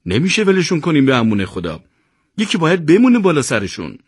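A man's voice: fairly high pitch, wildly swooping pitch, slightly rough, no echo, studio quality, pitched above the performer's own voice, heavily acted. A man doing a pleading, caring older soldier. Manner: pleading, earnest.

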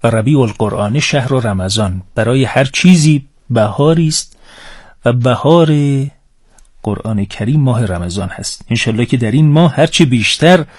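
A man hosting a religious radio program in a calm, reverent and courteous way, speaking into a studio microphone. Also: mid-range voice, breathy edge. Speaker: radio host.

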